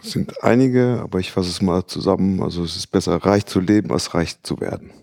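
Very deep gravelly gallery owner. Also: male voice, a little mellow, no echo. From Netherlands. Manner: measured, hesitant. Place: art gallery.

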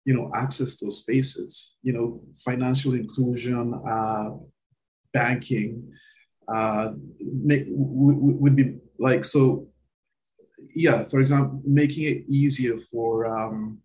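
A man interviewing a guest in casual chat, speaking hesitantly with many pauses and restarts. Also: mid-range voice, fairly even intonation, darkish tone, slight background noise, low-quality recording.

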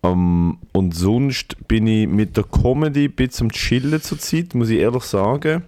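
A man with a Swiss German accent and a phlegmy smoker's rasp, chatting casually with lots of slang, swearing and emphasis. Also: mid-range voice, expressive, normal speed, darkish tone, slight background noise. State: congested with phlegm. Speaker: comedian and podcast host. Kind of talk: casual podcast banter.

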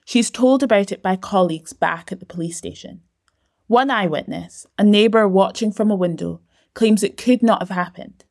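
A woman giving scripted documentary narration in a measured, even way. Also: medium pitch.

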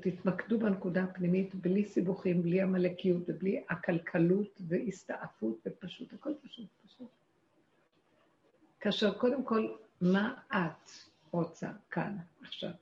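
A woman giving a religious talk to a group, passionate and animated, asking rhetorical questions and shouting out quoted lines. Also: mid-range voice, gravelly. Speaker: spiritual teacher. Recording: echoey lo-fi room recording.

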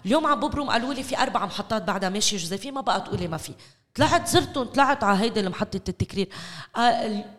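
A woman's voice: mid-range voice, racing, fairly bright tone. A woman with a Lebanese Arabic accent speaking as a guest in a discussion, emphatic and repeating words for stress. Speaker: interview guest, local development expert. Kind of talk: animated discussion. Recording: echoey hall with long reverb.

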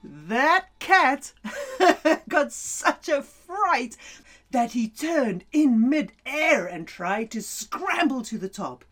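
A woman with a high voice reads a children's story aloud very slowly. Her delivery is animated, full of frequent laughter and sudden drops into whispers.

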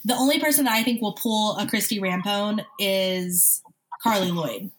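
A woman chatting casually and analytically about sports as a host, with a smoker's cough and frequent throat clearing. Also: medium pitch, moderate pace, slight background noise, poor audio. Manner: analytical, recites player statistics. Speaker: sports talk show host.

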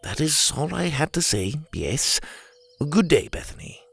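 A man doing a prim, patient orangutan gentleman. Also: a little high, sing-song, unhurried, creaky, breathy edge, voice pushed up, exaggerated voice. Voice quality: polite, formal, gentle. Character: proper, patient male orangutan elder.

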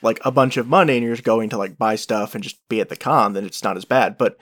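A man's voice: fairly low pitch, fairly bright tone, no room sound, clean studio sound. A man co-hosting a podcast, talking casually with lots of restarts, stammered fillers and small laughs. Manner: halting, many restarts and "uh"s, laughs a lot. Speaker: podcast co-host. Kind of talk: casual chat.

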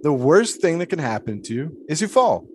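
A male actor voices an eccentric, philosophical 1920s daredevil in an audio drama, serenely cryptic and teasing, with ornate phrasing. His voice is a little high and sing-song at normal speed, with slight background noise.

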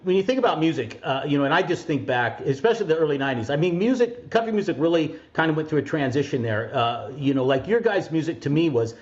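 A man hosting a podcast interview, talking in an earnest, halting way with many restarts. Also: a little high, animated, muffled recording. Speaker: podcast host. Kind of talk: casual interview.

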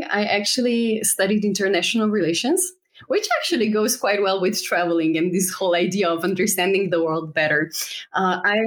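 A young adult woman from Slovenia, a guest talking thoughtfully in a casual interview, with many "you know" fillers. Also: on the low side. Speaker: guest, travel startup co-founder.

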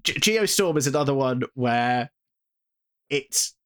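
Male co-host, chatty and animated, mid-range voice, laughs through his points. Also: mid-range voice, takes it slowly. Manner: animated, laughing mid-sentence, exaggerated retellings. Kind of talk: casual chat.

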